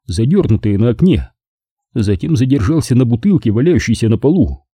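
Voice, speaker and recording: A male narrator tells a first-person crime story in a measured, dramatic way. His voice is dark, mellow and husky, with lively rises and falls, recorded close and dry. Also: on the low side, no echo. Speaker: audiobook narrator. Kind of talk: first-person detective novel reading.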